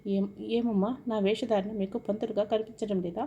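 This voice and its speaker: A woman's voice: mid-range voice, flat delivery, a little fast, dark tone, highs cut off, slight background noise, close to an everyday voice. A woman voicing a scheming male villain posing as a priest, reading his threats plainly.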